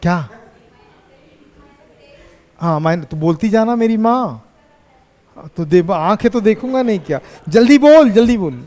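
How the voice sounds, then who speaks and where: A man teaching a physics class, teasing his students and pushing them to answer quickly. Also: high voice, expressive, darkish tone, in a large hall.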